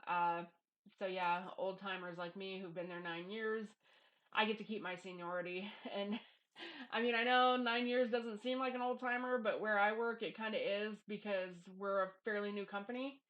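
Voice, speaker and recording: A woman's voice: mid-range voice, steady tone, moderate pace, lo-fi sound. Casting: middle-aged woman with a mid-range voice, informal confessional vlogger, plain-spoken and self-deprecating, speaking into a headset at home. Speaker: YouTube vlogger. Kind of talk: casual confessional monologue to camera. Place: small home office. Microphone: headphones used as microphone.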